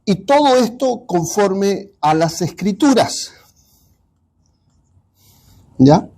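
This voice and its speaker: A man teaching a Bible study class, pausing often and checking in with his listeners. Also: high voice, expressive, a little mellow. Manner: halting, repeats ¿ya? to check understanding.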